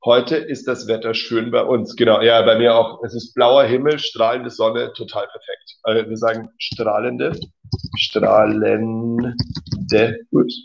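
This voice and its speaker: A man's voice: medium pitch, fairly even intonation, normal speed, creaky, hardly any pauses, slight background noise. A man teaching German in a casual livestream, reading out viewer comments, correcting them and laughing easily. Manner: chatty, reads out and corrects comments, laughs often. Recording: slightly dull lo-fi audio.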